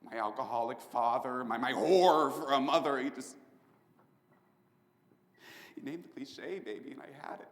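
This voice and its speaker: A man's voice: normal speed, pauses often, lightly acted. A man performing a charming, mocking young serial killer on death row in a competitive prose piece. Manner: sardonic, swinging between loud outbursts and low hushed lines. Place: performance room at a speech competition. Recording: echoey hall reverb.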